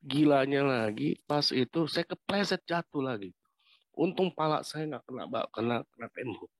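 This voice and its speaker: A young man gives an earnest, halting testimony of his illness from a quarantine hotel room. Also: medium pitch, expressive, no echo. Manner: earnest, halting, emotional retelling. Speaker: covid patient giving testimony. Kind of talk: personal testimony interview.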